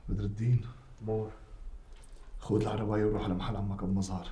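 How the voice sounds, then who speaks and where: A man's voice: lowish voice, flat delivery, racing, dark tone, slight background noise, lightly acted. An actor playing a deferential trader with a Syrian accent who pleads and gives orders to his helpers. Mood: pleading. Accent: Syrian Arabic. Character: apologetic male trader, deferential. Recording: echoey room.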